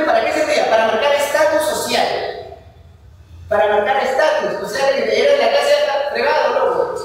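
A man teaching a history class, asking rhetorical questions, answering them himself and repeating key points. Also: very high voice. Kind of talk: classroom lecture. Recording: echoey hall, voice from far off.

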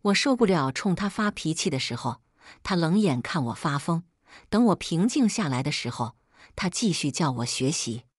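Woman storyteller, low voice, calm even delivery, dry close sound, scripted narration. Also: normal speed, husky, no echo. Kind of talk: scripted first-person narration.

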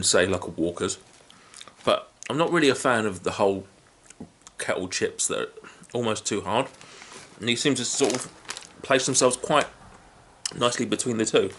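A man's voice: medium pitch, fairly bright tone. A British man in his thirties giving a casual food review at home, talking between bites of crunching chips. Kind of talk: casual, unscripted tasting review to camera. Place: small living room at home, indoors. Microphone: camera a short distance in front. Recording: clear background noise, crinkling packets.

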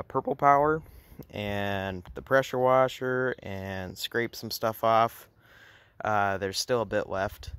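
A man's voice: on the low side, a bit bright, clean tone, no echo. A man casually narrating an outdoor car restoration walkaround, rambling with fillers and restarts, filmed on a handheld phone. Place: outdoors on a grassy yard beside a car.

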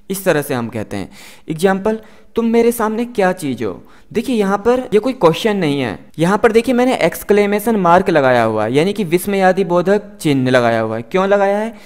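A man teaching English vocabulary, saying each example sentence slowly twice. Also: high voice, a little mellow. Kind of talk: vocabulary lesson.

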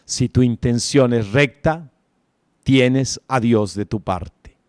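Slow-preaching priest, dry voice. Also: male voice, mid-range voice, darkish tone, no echo. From Colombia. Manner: emphatic, repeats key phrases. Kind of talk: sermon.

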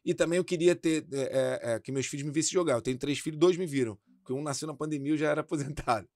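A fast-paced male interview guest, in his forties. He talks in a frank, slangy way, swearing freely. The sound is dry and close, with no room echo. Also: fairly high pitch, a little mellow. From Brazil. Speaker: interview guest, former footballer. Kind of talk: casual interview chat.

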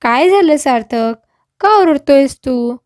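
A woman voicing a calm, patient young husband who speaks soothingly. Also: high voice, takes it slowly, no room sound, clean studio sound.

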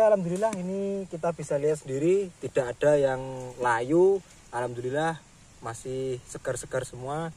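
A man talks casually to his viewers while working a chili field outdoors. His voice sits at an ordinary middle pitch, and a faint hiss of open air lies behind him. He explains farming steps in a relaxed, chatty way. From Central Java, Indonesia. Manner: chatty, addresses viewers as "Lur" often. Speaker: chili farmer vlogger. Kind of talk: casual farming tutorial vlog.

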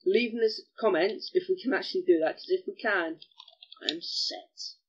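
A man giving chatty gameplay commentary as host of a gaming channel, excitable and given to mild cursing. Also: sits high, moderate pace, muffled recording.

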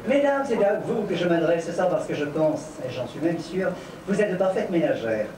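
A man's voice: a little high, expressive, a little fast, crowd noise. A man in drag doing bawdy, theatrical cabaret comedy on stage at a stand mic. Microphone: stand mic, filmed from afar. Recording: echoey far-off home video of a stage.

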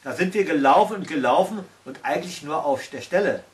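A man reading a children's Christmas fairy tale aloud in a plain, measured narrating voice. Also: on the high side, animated. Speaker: storyteller.

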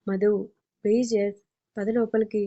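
A caring young mother coaxes and gently scolds, voiced by a woman. The warm voice barely rises or falls. The recording is a little dull. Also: mid-range voice, flat delivery, measured pace, close to an everyday voice. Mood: persuasive. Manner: gentle, persuasive.

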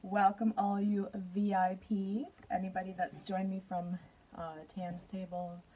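A woman's voice: medium pitch, little pitch movement, a little slow, dark tone, breathy edge. Nervous, chatty woman at dinner. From Canada. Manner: nervous, chatty, laughs often. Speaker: mukbang YouTuber. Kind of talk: casual eating vlog.

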